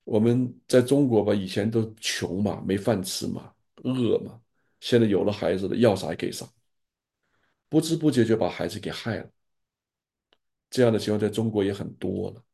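A gravelly, dark-toned older male pastor speaks in a fairly low register. His voice is husky, and he gives earnest, fatherly advice in a relaxed pastoral sharing. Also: moderate pace. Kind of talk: pastoral sharing in an online group.

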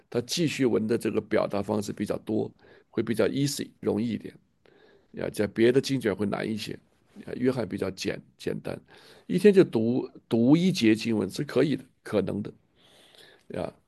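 A man's voice: on the low side, moderate pace, vocal fry, warm tone, dry recording, studio quality. A man leading a casual church chat, speaking with enthusiasm and a preachy manner, often repeating himself. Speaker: church leader.

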